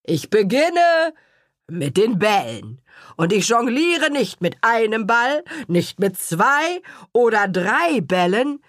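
A woman voicing a boastful, cheerful father who performs a clumsy magic show, announcing slowly and grandly in a husky voice. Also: on the high side, very animated, no room sound, clean studio sound, heavily acted. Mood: showy. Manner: slow, grand showman's announcing.

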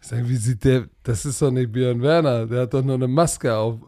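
A man's voice: mid-range voice, fairly even intonation, moderate pace, mellow. A man hosting a podcast in a casual, chatty style. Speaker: podcast host.

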